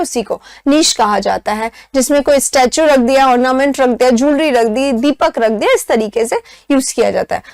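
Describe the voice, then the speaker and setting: A young Indian woman teaching English vocabulary for an exam, explaining step by step, checking in with her students often, and reading the English prompts slowly. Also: high-pitched, no room sound, clean studio sound. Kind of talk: exam-prep vocabulary lesson.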